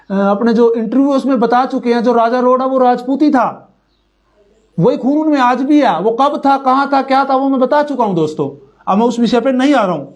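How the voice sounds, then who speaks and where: Slow-reading Haryanvi man, high-pitched. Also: darkish tone. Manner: slow deliberate list reading, then brisk asides addressing friends. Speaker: community speaker. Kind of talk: informal talk reading lists of clan names.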